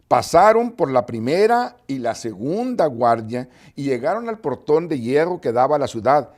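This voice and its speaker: A man's voice: medium pitch, a little mellow. A man preaching a TV sermon, reading scripture aloud and asking his listeners rhetorical questions. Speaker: evangelist preacher.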